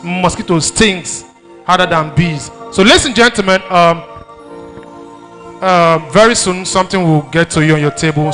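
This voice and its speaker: A Nigerian man emceeing an event in a slightly raised voice. He banters with the crowd and often shouts out to them, while loud music plays behind him. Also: on the high side. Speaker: master of ceremonies. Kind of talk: lively event hosting with banter.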